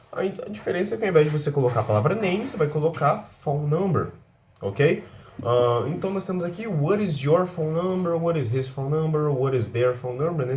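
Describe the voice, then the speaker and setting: A native Portuguese-speaking man teaching English in a recorded lesson, explaining step by step, checking in often and reading English examples slowly. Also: a little high, a little mellow, slight background noise.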